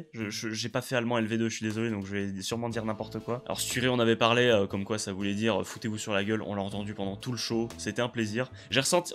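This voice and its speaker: A man giving a casual spoken review of a wrestling show, chatty and enthusiastic, often pausing on fillers. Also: mid-range voice, a bit bright. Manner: chatty, hesitant with frequent fillers; enthusiastic play-by-play recap.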